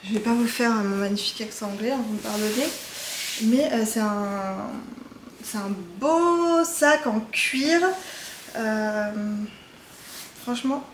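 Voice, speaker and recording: A woman with a slightly high voice chats in an easy show-and-tell way, pausing often on filler sounds as she goes. The room around her is echoey and roomy, with faint ambient noise behind. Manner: chatty, hesitant with frequent fillers. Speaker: knitting vlogger. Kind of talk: casual show-and-tell chat.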